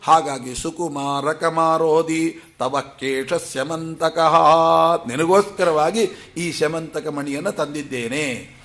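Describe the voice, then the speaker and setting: A man with a Kannada accent giving a devotional scripture discourse, putting questions to his listeners and answering them himself, now and then chanting verses. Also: a little high. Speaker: scripture lecturer.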